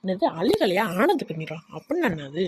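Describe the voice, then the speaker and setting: A woman's voice: mid-range voice, very animated, brisk, a little mellow, breathy edge. A woman playing a blunt, teasing married son in a cartoon, with a Tirunelveli Tamil accent. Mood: puzzled. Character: blunt grown son, married, cheeky toward his mother.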